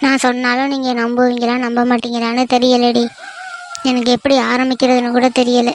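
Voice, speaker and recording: A woman's voice: on the high side, completely flat delivery, a little fast, a little hiss or hum, natural voice. A woman voicing a worried older village aunt in a cartoon, confiding her troubles anxiously.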